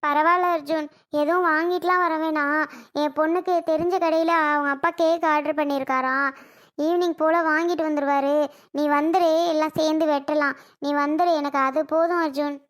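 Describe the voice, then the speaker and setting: A woman's voice: high-pitched, steady tone, fairly quick, a bit bright. A woman playing a tearful middle-aged mother who pleads with her younger brother as she cries, in a family skit. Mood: tearful, forgiving. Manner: crying, pleading, reproachful.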